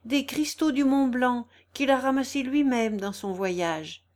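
A woman voicing an innocent young girl who speaks up brightly in a storybook reading. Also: high-pitched, measured pace, pitched above the performer's own voice.

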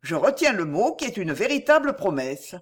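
A reader voicing a calm, teasing wealthy gentleman. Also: medium pitch, normal speed, husky. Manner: calm, easygoing. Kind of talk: audiobook reading.

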